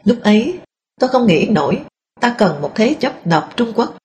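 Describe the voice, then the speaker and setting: A woman reading a first-person memoir aloud in a calm, steady storytelling voice. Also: a little high, normal speed, slight background noise. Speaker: narrator.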